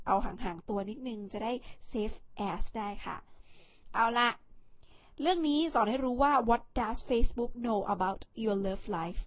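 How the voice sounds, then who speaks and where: A woman's voice: mid-range voice, slightly rough. A woman hosting a vlog in a casual, chatty way, playful and teasing as she talks. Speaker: vlog host.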